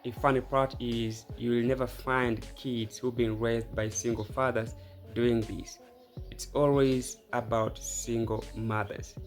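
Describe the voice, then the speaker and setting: A man's voice: medium pitch, a little mellow. An opinionated man talks straight to the viewer in a loose, casual way and reacts to clips. Music plays faintly behind him. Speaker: commentary channel host. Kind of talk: reaction commentary.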